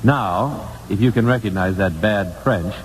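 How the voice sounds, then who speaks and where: A man with a fairly low voice, speaking a little slowly, hosts a live radio quiz from the 1950s. He's chatty but formal and courteous. The old broadcast has long reverb and faint noise.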